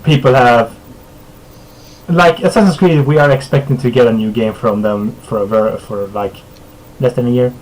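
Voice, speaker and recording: Heard in a low-quality recording, this podcast host has a medium-pitched, darkish voice. He is a native Swedish speaker from Sweden running a casual streamed show, relaxed and prone to chuckling, with filler words and sentences that trail away.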